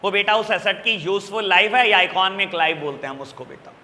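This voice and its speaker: An accounts teacher gives a classroom lecture in a big-sounding room, his voice high, sharp, expressive and fairly quick. He's affectionate with his students, frequently calling them "beta," and often asks "clear?" to see whether they've understood.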